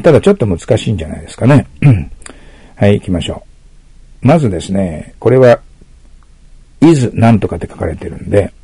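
Gravelly-voiced man teaching English vocabulary. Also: lowish voice, mellow, dry recording. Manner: explains patiently, self-corrects, asks rhetorical "ね"; clears throat often. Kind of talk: e-learning lecture.

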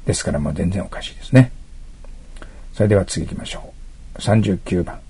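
A man teaching English listening test answers in a lecture, explaining each answer with frequent little check-ins to his listeners, and reading the English lines slowly with a Japanese accent. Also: sits low, animated, warm tone, slight background noise.

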